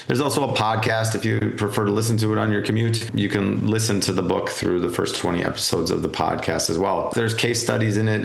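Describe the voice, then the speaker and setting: A deep, gravelly male voice walks through his points in a relaxed, explanatory way as a podcast guest. The room around him is echoey, and faint music sits underneath. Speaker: financial advisor guest. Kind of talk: podcast interview.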